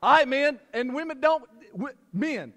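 High-voiced, energetic male preacher. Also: moderate pace, long reverb tail. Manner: energetic, joking with the congregation, repeats phrases. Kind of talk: sermon. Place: church service. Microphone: handheld microphone.

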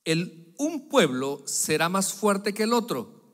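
A man's voice: big pitch swings, takes it slowly. Emphatic preaching man in a reverberant church. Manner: emphatic preaching, swelling loud on key phrases and dropping low for asides. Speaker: pastor. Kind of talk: preaching a sermon to a congregation. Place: church sanctuary. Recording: long reverb of a church hall.

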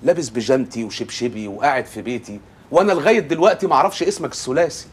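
A man's voice: medium pitch, racing, husky, lightly acted. An actor playing an exasperated young man of the household, sarcastic and fed up, speaking with an Egyptian Arabic accent in a TV comedy series. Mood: stern. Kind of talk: TV comedy drama acting.

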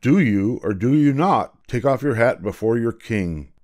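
Seeking a man to play a blustering, commanding king for a children's storybook: lowish register, pompous, short fuse. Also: unhurried, creaky. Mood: commanding, impatient. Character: imperious, hot-tempered king, blustering with outrage. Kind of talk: storybook character voice.

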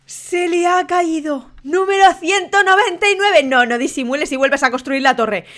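Excitable high-voiced Spanish woman gamer. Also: normal speed. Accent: Spain Spanish. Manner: excitable, frequent exclamations and laughter. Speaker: gaming YouTuber. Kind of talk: excitable let's-play commentary.

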